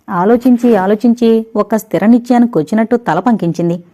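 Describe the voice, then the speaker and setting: Woman narrator, audio novel, mellow dark voice, dull lo-fi recording. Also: a little high.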